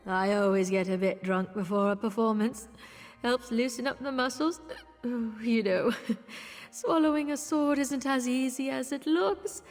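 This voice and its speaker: An actress playing a tipsy, flirtatious, boastful female elf circus performer in a video game, with a teasing, playful manner. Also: fairly high pitch. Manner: teasing, slow, languid, playful. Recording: slight hall reverb with game music.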